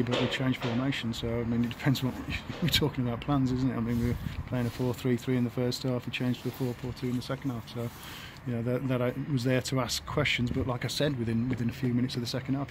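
A man in his fifties, an English football manager, giving a halting post-match interview outdoors by the pitch, full of fillers and restarts. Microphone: handheld camera at close range. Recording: outdoor noise behind.

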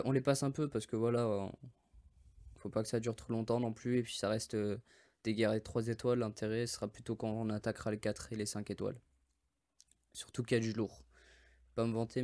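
A man's voice: medium pitch, a little mellow. A French man casually presenting mobile game characters, rambling with many hesitations and often forgetting names. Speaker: mobile game video host.

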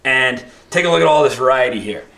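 A man's voice: medium pitch, lively intonation, a little fast, sharp tone, roomy sound. A man presenting as a personal trainer in a supermarket aisle, emphatic and coaxing as he gives shopping rules. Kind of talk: instructional presenting.

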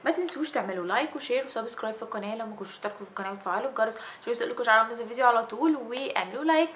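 Fast-talking Egyptian woman reviewing skincare. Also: fairly high pitch, slight background noise. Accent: Egyptian Arabic. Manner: chatty, animated, gestures with her hands while talking. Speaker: beauty vlogger. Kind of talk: casual product review. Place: small indoor room with fairy lights.

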